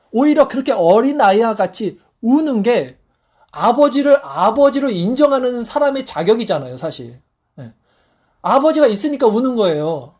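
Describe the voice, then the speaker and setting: High-voiced man preaching a sermon. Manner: emotional storytelling, voices quoted prayers softly. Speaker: pastor.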